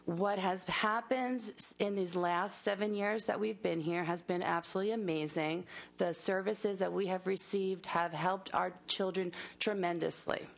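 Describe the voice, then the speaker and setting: Creaky low-voiced mother pleading at a hearing. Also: steady tone. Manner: earnest, pleading, with halting restarts. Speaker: parent testifying at a public hearing. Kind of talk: public testimony.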